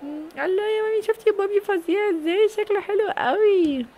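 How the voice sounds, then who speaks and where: Brief: woman doing an excitable little girl, Egyptian Arabic, very high and quick. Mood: gushing. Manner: high squealing gushing. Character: young girl, excitable and fretful. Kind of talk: toy play storytelling.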